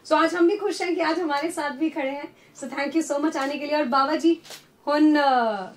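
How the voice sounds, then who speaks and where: A bubbly woman radio host with a high, bright voice keeps a live launch event moving. She gushes with thanks to her guests and slips easily between Hindi and English. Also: unhurried. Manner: bubbly, effusive, code-switching Hindi and English.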